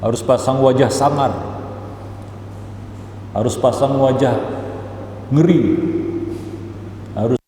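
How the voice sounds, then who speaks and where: A man's voice: medium pitch, steady tone, slow, long pauses, mellow, a little hiss or hum. Man preaching in an echoey mosque hall. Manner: emphatic, repeats points. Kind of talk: parenting lecture. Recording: echoey hall, faint ambience.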